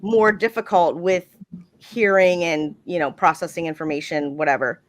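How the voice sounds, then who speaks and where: Chatty woman dispatcher, lowish voice. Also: steady tone, moderate pace. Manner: chatty storyteller, many "like"s. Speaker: 911 dispatcher and podcast guest. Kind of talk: casual podcast chat.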